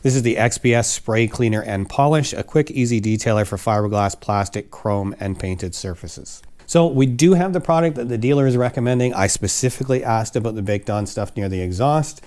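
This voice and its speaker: A man's voice: brisk, hardly any pauses. A Canadian man hosting a how-to vlog, chatty and self-mocking, working in his garage. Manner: chatty and self-mocking, lively swings in pitch. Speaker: host.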